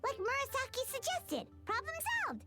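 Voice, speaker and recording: A woman voicing a chirpy, childlike fairy companion in a video game, excitable and speaking of herself in the third person. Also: extremely high pitch, normal speed, loud music behind the voice. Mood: earnest. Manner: excitable, talks about self in third person.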